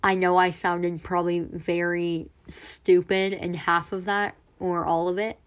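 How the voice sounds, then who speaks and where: A woman's voice: fairly low pitch, little pitch movement, unhurried. A young woman hosting a casual solo podcast, chatty and full of fillers, a little self-deprecating, her voice somewhat muffled and close on the mic. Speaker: podcast host. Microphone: close mic, sometimes too loud.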